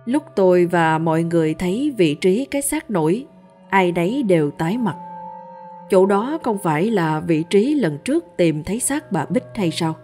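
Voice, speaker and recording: Low, mellow woman telling a ghost story. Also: expressive, normal speed, soft background music. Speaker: narrator. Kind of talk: first-person ghost story narration.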